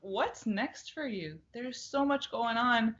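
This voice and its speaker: A woman's voice: fairly high pitch, slow, fairly bright tone, muffled recording. Friendly woman interviewer on video call. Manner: friendly, encouraging, brief responses. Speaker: interviewer, host. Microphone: video call from home.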